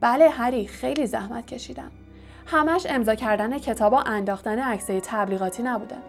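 A woman voicing a vain, evasive male wizard professor who is a fraud, smooth and condescending. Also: fairly high pitch, soft background music. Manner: smooth, self-justifying, condescending.

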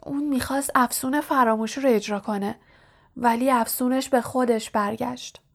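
A woman reading the lines of a nervous, loyal teenage boy in a storybook audiobook, speaking in an urgent, hushed way. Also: high voice. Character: scared, loyal teenage boy, red-faced sidekick.

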